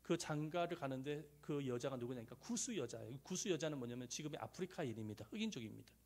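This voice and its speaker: Lively-voiced male preacher. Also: mid-range voice, fast talker. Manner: preaching with sudden loud rises and soft drops; acts out quoted voices in dialogue. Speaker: pastor. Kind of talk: sermon.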